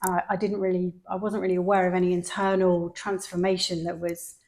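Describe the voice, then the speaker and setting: Her voice sits on the low side and moves briskly as this middle-aged English podcast host tells her story in relaxed conversation. She speaks with a London-Sheffield blend and animates the people she quotes.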